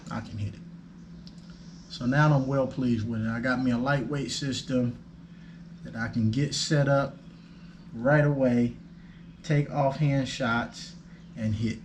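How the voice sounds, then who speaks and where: A man reviewing his airgun in a relaxed, folksy drawl. He talks slowly and takes his time. Faint background noise sits under his voice. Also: mid-range voice. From United States. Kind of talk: casual product review.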